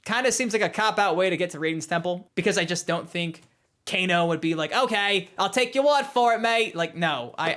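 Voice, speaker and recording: An excitable young man giving a casual spoken movie review, his voice sitting high and bouncing around as he gets worked up. He jumps between fast asides and slower emphasis, and now and then he playfully imitates lines. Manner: excitable, animated, mimics quotes.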